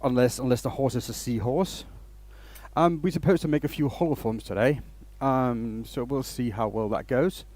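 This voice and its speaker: A man's voice: mid-range voice, moderate pace, a little mellow. A man from Denmark hosting a casual woodturning livestream, rambling and restarting his sentences as he greets viewers. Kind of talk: casual live-stream chat while working.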